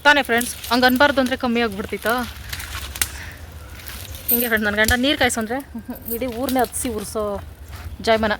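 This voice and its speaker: A woman's voice: fairly high pitch, fairly even intonation, brisk, long pauses, a bit bright, a little hiss or hum. A woman in her thirties with a rural Karnataka Kannada accent, chatting casually to viewers in a home vlog. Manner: chatty, addresses viewers as friends constantly. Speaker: vlogger.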